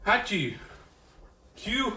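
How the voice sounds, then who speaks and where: Heard from far off in an echoey dojo training room with slight background noise, a man teaches karate online, counting drills and explaining self-defense with relaxed humor. His high-pitched voice swings widely in pitch, and he speaks extremely slowly with a bright, forceful tone.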